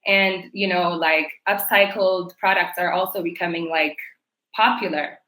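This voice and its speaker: A woman's voice: lowish voice, fairly even intonation, unhurried, sharp tone, echoey room, poor audio. A young adult woman from Ethiopia, a fashion designer and entrepreneur, answering interview questions in a chatty way with many fillers.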